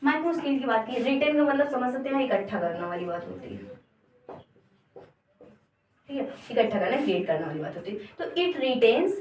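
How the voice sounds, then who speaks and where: A woman teaching an exam-prep lesson, explaining slowly and often checking that her students follow. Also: fairly high pitch, a little mellow, a little hiss or hum. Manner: explains slowly, repeating words and checking understanding with "theek hai". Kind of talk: exam-prep lesson in mixed Hindi and English. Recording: echoey room, voice from a distance.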